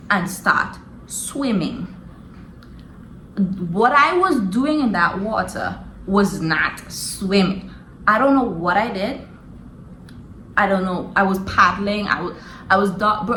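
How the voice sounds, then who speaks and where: A young woman tells a story with a lively, swooping pitch, all slang and frequent laughter. Her voice echoes around a roomy space. A faint hiss sits under the recording. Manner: animated, slangy, laughing often. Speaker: vlogger. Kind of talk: casual storytelling.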